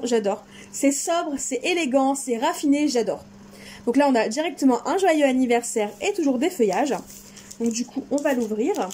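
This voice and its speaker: High-voiced enthusiastic woman. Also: a little mellow. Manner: enthusiastic, chatty, exclaims often. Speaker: crafting vlogger. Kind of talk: casual unboxing chat.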